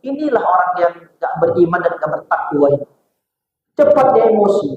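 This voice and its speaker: Male preacher, Medan accent, high voice, rhythmic emphatic dawn sermon, recorded far off in a booming echoey hall. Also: expressive, a little fast, highs cut off. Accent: Medan Indonesian. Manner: rhythmic repetition, rising emphatic delivery.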